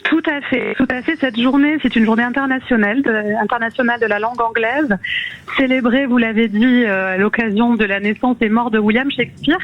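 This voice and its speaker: A woman speaking as a radio guest for a language-learning app, measured and agreeable, with many fillers and repetitions. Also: a little high, steady tone, muffled recording. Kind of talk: radio interview.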